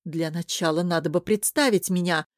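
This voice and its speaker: A woman reading an audiobook who voices a proud young princess, sharp, sarcastic and impatient. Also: fairly low pitch, moderate pace, no room sound, clean studio sound, natural voice. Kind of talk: audiobook character voice.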